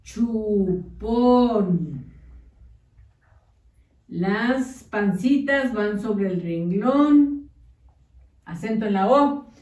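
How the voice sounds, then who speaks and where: Slow, coaxing woman teacher. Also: medium pitch, expressive, a little mellow, reverberant, far from the mic. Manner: patient, coaxing, uses diminutives. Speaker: primary school teacher. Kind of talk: slow dictation lesson for young children.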